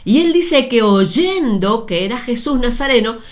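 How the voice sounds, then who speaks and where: A woman preaching a sermon, speaking deliberately with repeated phrases and addressing her listeners directly. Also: fairly high pitch, expressive.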